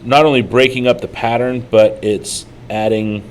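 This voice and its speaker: A man's voice: medium pitch, steady tone, normal speed, slight background noise, low-quality recording. A man co-hosting a casual miniature-painting tutorial, rambling and telling stories with plenty of fillers. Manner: rambling, storytelling, frequent fillers.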